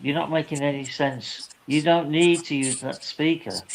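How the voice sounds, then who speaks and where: A man's voice: a little high, steady tone, normal speed, gravelly, a little hiss or hum, rough recording. A man with a British accent chatting casually, with a blunt, insistent way of talking. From Britain. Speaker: guest on a live open-topic stream. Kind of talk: casual chat.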